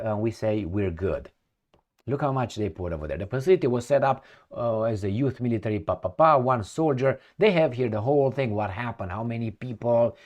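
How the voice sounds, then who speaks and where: A middle-aged Romanian man with a Romanian accent rants as a political commentator, sarcastic, profane, and firing off rhetorical questions. His voice is medium in pitch with a darkish tone.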